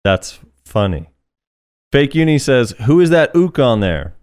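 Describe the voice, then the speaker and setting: A man's voice: medium pitch, big pitch swings, measured pace, darkish tone. A man hosting a casual podcast, reading listener comments aloud in a laid-back way with plenty of fillers. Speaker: podcast host.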